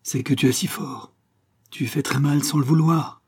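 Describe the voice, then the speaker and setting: A man's voice: on the high side, fairly even intonation, moderate pace, slightly rough, pitched above the performer's own voice. A man voicing a resigned, timid mother who coaxes her husband. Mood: pleading.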